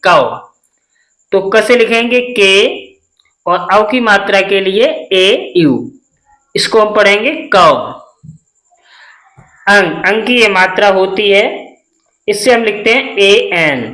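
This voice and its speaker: Slow, deliberate male teacher in an echoey room. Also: high-pitched, pushed and bright. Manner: deliberate, spells letters out one by one and asks the class quick questions. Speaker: English teacher. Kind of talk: step-by-step spelling lesson.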